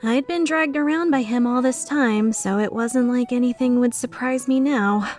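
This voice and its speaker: At normal speed and close to an everyday voice, a woman on the high side sounds a little mellow over soft background music. She portrays a flustered, skeptical young woman telling her own story introspectively in a fan-dub drama, coming across as puzzled and reflective.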